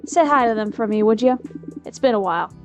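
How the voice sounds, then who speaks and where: A woman voicing a gentle, easygoing elderly grandfather in a story game, speaking slowly and softly. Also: a little high, expressive, lo-fi sound, soft background music.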